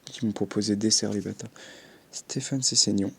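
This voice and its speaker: Young male gaming YouTuber, husky and low, casual commentary, swears offhandedly. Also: fairly even intonation, normal speed, a bit bright. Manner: chatty, swears offhandedly, punctuates with sound effects.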